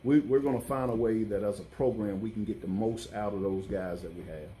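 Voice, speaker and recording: A man answering interview questions as a football coach, speaking haltingly and rephrasing as he goes. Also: lowish voice, mellow, slight background noise. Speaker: college football head coach.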